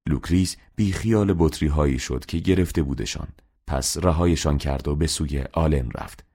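A man reading a novel aloud as an audiobook narrator, in a steady, measured way. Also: rumbling low, slightly rough. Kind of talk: scripted narration.

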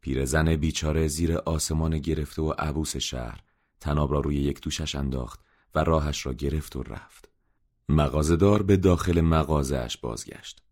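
A man reading a story aloud in a measured, subdued narration. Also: very deep voice, steady tone, darkish tone. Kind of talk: scripted audiobook narration.

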